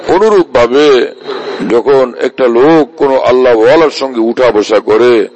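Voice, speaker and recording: A man's voice: medium pitch, measured pace, a little mellow, no echo, poor audio. A man preaching a sermon, asking his listeners again and again whether they understand. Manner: rhetorical, repeats "do you understand" to listeners.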